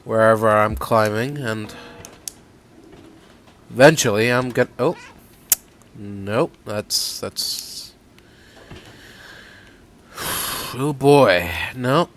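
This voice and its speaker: A man's voice: lowish voice, drawn-out words, long pauses, a bit bright, a little hiss or hum. A man giving easygoing, chatty let's-play commentary, swearing casually as he plays. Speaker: gaming YouTuber.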